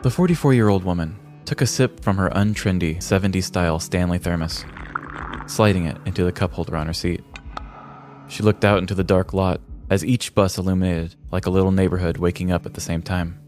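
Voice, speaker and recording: A brisk, low-voiced American man in his thirties reads a scripted comedic story as a podcast host, accompanied by faint background music.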